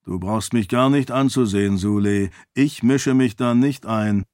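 A man's voice: lowish voice, unhurried, darkish tone, dry recording, clean studio sound, close to an everyday voice. Man reading a big, laconic friend. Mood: dismissive.

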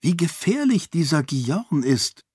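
A man voicing a clever young princess who speaks in a hushed, wry way. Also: on the high side, big pitch swings, a little slow, breathy edge, no room sound, studio quality, pitched above the performer's own voice, full character voice. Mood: worried. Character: clever young princess, sharp-witted and sly.

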